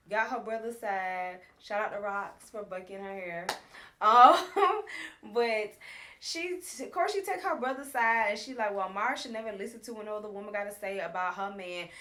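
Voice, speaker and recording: A woman hosting a casual recap show, telling the story in an animated, frank way and acting out what people said. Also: mid-range voice. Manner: animated storyteller, acts out quotes; frank, talks straight to viewers. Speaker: show host recapping a reality series.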